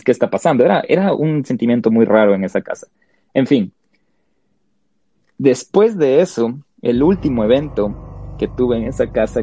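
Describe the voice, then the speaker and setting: A man tells a personal ghost story to podcast listeners, slowly and with suspense. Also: on the low side, mellow. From Ecuador. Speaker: podcast co-host. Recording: dull lo-fi sound with faint music.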